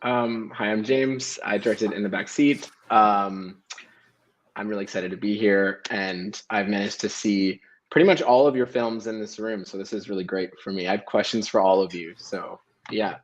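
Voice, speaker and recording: A man's voice: fairly low pitch, moderate pace, a little hiss or hum. A man who is a film director, asking a fellow panelist a question in a nervous, rambling, effusive way. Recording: dull lo-fi sound.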